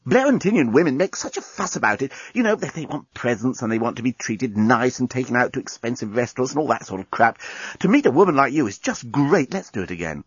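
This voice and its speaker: A man's voice: mid-range voice, very animated, fast talker, breathy edge, dry recording, dull audio. A man voicing a smug, amorous male alien journalist. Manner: smug, self-satisfied.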